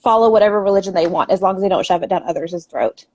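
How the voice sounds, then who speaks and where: A woman's voice: medium pitch, very fast, darkish tone, no room sound. A woman author from Southern West Virginia with an Appalachian accent, chatting casually in an interview, laughing often between filler words.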